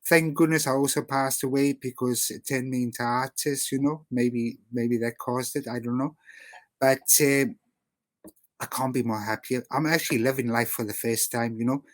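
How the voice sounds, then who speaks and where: A man's voice: mid-range voice, fairly even intonation, normal speed, no echo. A man from South Africa with an English-sounding accent, guest on an interview, rambling with lots of fillers. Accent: English-sounding, not South African. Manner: rambling with many "you know" fillers. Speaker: guest artist. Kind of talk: casual interview talk.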